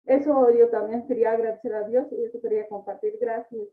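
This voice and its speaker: A woman giving a halting personal testimony in church, tagging nearly every phrase with a question. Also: fairly high pitch. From Bolivia. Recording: echoey hall from far off, tinny phone-like sound.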